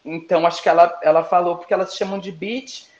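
This drag queen guest, a man, talks fast in a high-pitched, steady voice, bantering in campy slang about competing. It's casual interview chat, recorded with a roomy, dull lo-fi quality.

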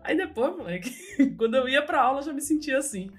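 A Brazilian woman chats casually on a podcast, joking and full of slang. Her voice sits slightly high, with faint guitar music behind. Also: animated, a little fast. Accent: Brazilian Portuguese.

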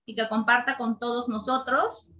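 Woman radio host, bright higher voice, slightly dull audio. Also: steady tone, normal speed. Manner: chatty, laughs often. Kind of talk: casual radio talk show.

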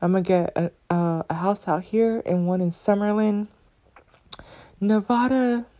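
A woman's voice: mid-range voice, unhurried, dark tone. A woman hosting her podcast alone, chatting in a playful, rambling way. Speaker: podcast host. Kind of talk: casual chat.

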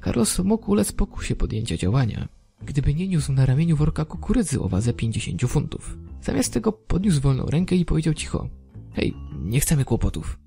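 A man narrating a horror story in a dry, deadpan manner. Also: a little high, fairly quick, vocal fry, soft background music.

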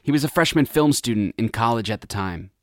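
A man's voice: medium pitch, expressive, dry recording, studio quality. Young man narrating a reflective documentary. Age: 20s. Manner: measured, reflective storytelling. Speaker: narrator and reporter.

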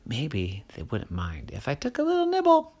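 Curious chatty little girl in a storybook, woman voicing her, low voice that swoops around. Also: huge pitch swings, normal speed, dark tone, full character voice. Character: lost, hungry little girl.

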